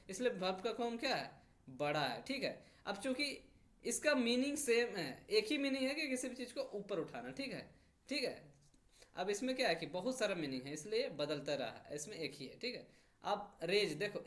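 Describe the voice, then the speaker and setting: Lively male grammar teacher. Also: sits high. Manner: explains step by step, repeating "theek hai" after each point; reads English examples slowly and deliberately. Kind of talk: grammar lesson.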